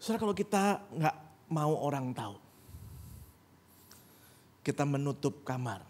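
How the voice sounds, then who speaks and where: A man's voice: fairly high pitch, very animated, measured pace, darkish tone. A man preaching a sermon as pastor in a church, conversational and rising to emphatic peaks. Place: church sanctuary.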